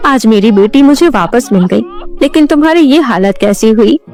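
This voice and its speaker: Woman voicing a gentle patient mother. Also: a little high, lively intonation, normal speed, soft background music. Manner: soft, tender.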